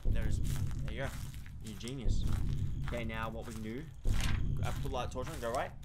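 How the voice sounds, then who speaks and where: A man's voice: mid-range voice, steady tone, normal speed. A man playing a video game with a friend, joking, swearing and calling out directions. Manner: jokey, swears, barks directions. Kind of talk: casual gaming banter. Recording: loud background noise.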